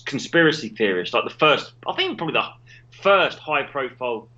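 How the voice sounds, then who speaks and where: A man co-hosting a casual comedy chat over a call, excitable and sweary, with a voice that leaps up and down. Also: medium pitch, fairly quick, lo-fi sound. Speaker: podcast co-host. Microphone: remote call.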